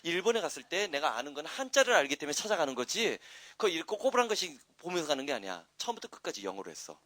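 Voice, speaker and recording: A man teaching an English grammar class, chatty and wandering into asides, then loud and emphatic when he explains the rules. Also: a little high, very animated, fast talker, no echo. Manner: rambling, chatty asides with frequent "응?" checks. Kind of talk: classroom lecture.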